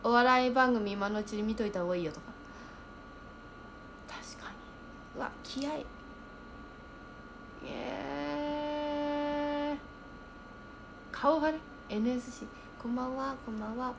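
A young woman chatting casually on a livestream, reading viewer comments aloud and thinking out loud as she reacts. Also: high-pitched, measured pace, pauses often, background noise.

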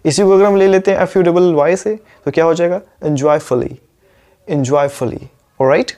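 A man's voice: high-pitched, dark tone, clear, resonant tone. Indian man teaching pronunciation. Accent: Indian English. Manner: patient, repeats each word slowly; checks in often with rhetorical questions. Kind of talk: YouTube lesson, explaining in Hindi.

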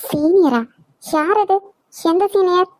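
A woman doing a scolding college girl, high voice. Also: slow, no echo, low-quality recording. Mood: curious. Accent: Kanyakumari Tamil. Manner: scolding, incredulous. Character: bossy young college girl, scolding friend.

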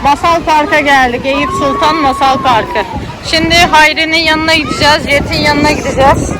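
A mother and family vlogger filming her child at a crowded outdoor children's theme park narrates a casual vlog for kids in a high, steady voice at normal speed. She speaks directly, with frequent greetings and prompts, over a noisy recording full of loud crowd and outdoor ambience.

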